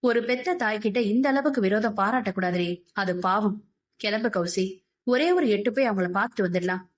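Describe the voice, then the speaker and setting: A woman voicing a gentle middle-aged husband and father who talks in a soft, coaxing, pleading way. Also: medium pitch, brisk, close to an everyday voice.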